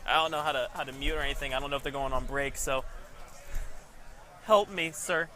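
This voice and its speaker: A man's voice: mid-range voice, level tone, racing, pushed and bright. A man casually commentating a live paintball webcast outdoors, chatty and rambling, laughing at himself. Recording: outdoor background noise.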